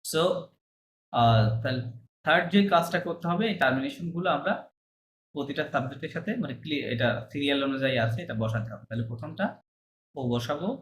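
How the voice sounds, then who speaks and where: A patient French teacher walks through verb endings in an online class, mixing in English and French phrases and pausing often to check that students follow. Faint background noise sits under the voice. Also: mid-range voice, rough recording. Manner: mixes Bengali with English and French terms. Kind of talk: online language lesson.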